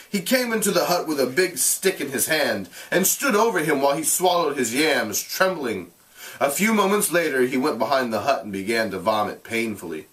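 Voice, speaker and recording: Like a teacher, a man reads aloud expressively, narrating in a deliberate way that explains as it goes. His voice is medium-pitched, he's far from the mic, and the audio quality is poor.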